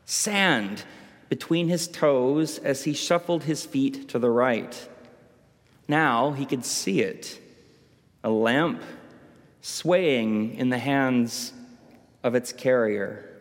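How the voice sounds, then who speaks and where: A man preaching tells a story in sermon style, with slow, dramatic pauses. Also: mid-range voice. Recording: long hall reverb.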